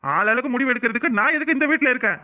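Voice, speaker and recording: A man's voice: extremely high pitch, lively intonation, rapid-fire, sharp tone, heavily acted. A man voicing an angry middle-aged elder brother in a cartoon, with a Kanyakumari Tamil accent, speaking in a bitter, accusing, lecturing way. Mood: stern. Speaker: head of the family. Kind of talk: cartoon voice acting.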